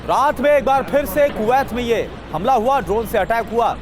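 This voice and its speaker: A woman's voice: a little high, expressive, normal speed, over music, crowd noise. A woman anchoring a live television news broadcast, reading breaking updates and putting questions to guests.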